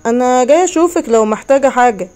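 A woman's voice: high voice, expressive, fast, a little mellow, soft background music. A woman reading as a sly, menacing Egyptian stepfather. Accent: Egyptian Arabic. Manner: sly, threatening. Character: menacing predatory middle-aged stepfather.

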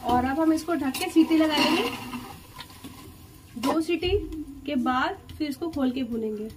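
A high-voiced woman hosts a cooking video from her home kitchen, taking her time as she chats her viewers through each step. The home recording is noisy.

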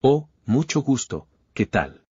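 A man's voice: medium pitch, slow, husky, dry recording, voice pushed up, exaggerated voice. Man voicing a fawning old merchant. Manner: flattering, with sly giggles. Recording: slightly dull lo-fi recording.

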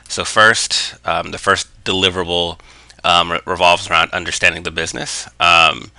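A man with a very low, flat voice narrates a hand-drawn explainer lesson. His tone is bright and crisp, recorded dry and close. He talks steadily and keeps dropping in "um" fillers. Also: dry recording. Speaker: business analysis educator.

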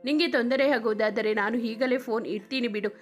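A woman's voice: on the high side, steady tone, fast talker, soft background music, natural voice. A woman reading the lines of a teasing, charming young man in love in a story. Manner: teasing, joking.

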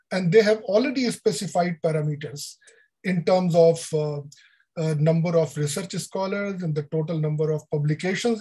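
Older man, Indian English accent, husky voice, video-call lecture, measured explaining. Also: high-pitched, mellow, low-quality recording. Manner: deliberate, explanatory, with frequent uh fillers. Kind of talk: online lecture on education policy.

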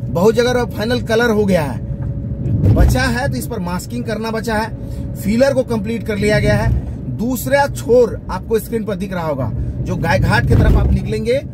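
A man's voice: high voice, normal speed. A man, reporting as he drives, giving running commentary from inside a car. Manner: running commentary while driving. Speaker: local news reporter. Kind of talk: on-the-road video report. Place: inside a moving car on a bridge, outdoors at the end. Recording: road and traffic noise.

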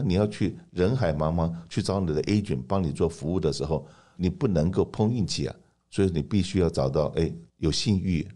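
A man with an extremely low, mellow voice presents a radio talk segment. He explains in an emphatic way, repeating points and putting rhetorical questions to listeners. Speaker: radio host and insurance agent.

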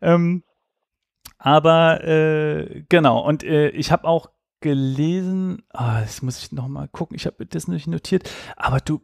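A man's voice: a little high, measured pace, creaky, no room sound, clean studio sound. A man hosting a podcast interview, talking casually and hesitantly with fillers. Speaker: podcast host.

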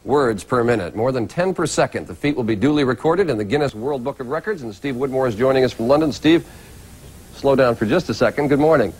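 A man's voice: mid-range voice, animated, fast talker, a little mellow, breathy edge, poor audio. A man with an American accent presenting and interviewing as a morning news show host.

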